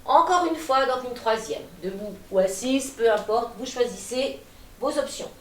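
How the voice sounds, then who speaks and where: A woman teaching a gentle gym class, calmly cueing breaths and movements while she demonstrates. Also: on the high side, normal speed, slight background noise. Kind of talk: guided exercise class. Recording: echoey room, voice from a distance.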